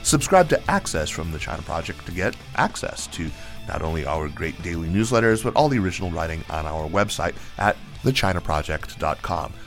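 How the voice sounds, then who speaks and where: Deep-voiced male podcast host. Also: fairly quick, faint music behind. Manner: relaxed, joking, with frequent restarts. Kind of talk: casual podcast conversation.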